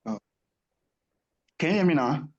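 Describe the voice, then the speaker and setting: A man speaks slowly in a fairly high voice over a remote connection that keeps cracking and glitching. He is a student in an online class, polite and hesitant, and he repeats his words to get them through the broken line. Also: lively intonation, a little mellow, lo-fi sound. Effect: cracking, glitching call audio. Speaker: student asking a question.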